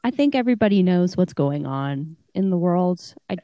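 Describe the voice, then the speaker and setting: Giggly woman podcast co-host, low voice. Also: animated, normal speed, mellow, dry recording. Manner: giggly, rambling with fillers. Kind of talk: casual podcast chat.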